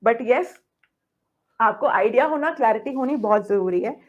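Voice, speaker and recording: A woman's voice: on the high side, animated, measured pace, lo-fi sound. A woman teaching English grammar, mixing Hindi and English and checking in with "okay?" after each example. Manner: explains by example sentences, often asks "okay?".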